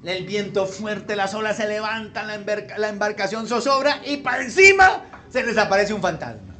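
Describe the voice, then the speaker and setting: A man's voice: sits high, moderate pace. A male pastor preaching a sermon, joking and acting out the voices in the story. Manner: animated, joking, acts out biblical voices.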